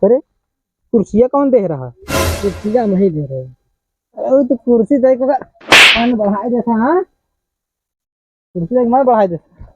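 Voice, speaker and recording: A man's voice: very high-pitched, animated, moderate pace, long pauses, background noise. A man with an Awadhi accent playing a henpecked villager in a rustic comedy sketch, pleading and wailing theatrically.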